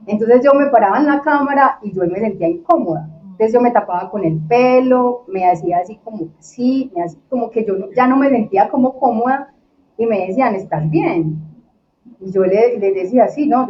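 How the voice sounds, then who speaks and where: A woman, a podcast guest telling her own story in a casual, lively way and acting out what people said to her. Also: a little high, echoey room. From Colombia. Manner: lively, acts out quoted dialogue. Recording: dull lo-fi recording with faint noise.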